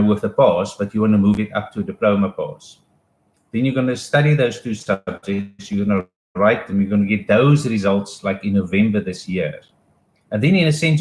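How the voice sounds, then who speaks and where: A man gives advice in a relaxed, rambling way and often backs up to restart a thought. His voice sits a little low, and the room around him rings with noticeable echo. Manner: casual and explanatory, with restarts and asides. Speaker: education advisor. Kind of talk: live informational talk.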